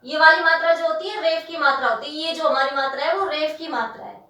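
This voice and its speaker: Bright-voiced woman teaching in an echoey room. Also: high voice, far from the mic. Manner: patient, drawn-out syllables, keeps checking in with students. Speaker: Hindi grammar teacher. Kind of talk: classroom lesson explaining spelling.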